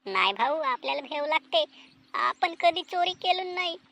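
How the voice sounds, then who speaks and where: A woman voicing nervous male village thieves in a cartoon, plotting quietly in a Vidarbha Marathi accent. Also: high voice, animated, normal speed, creaky, a little hiss or hum, full character voice. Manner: conspiring, hushed plotting. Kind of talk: cartoon drama voice acting.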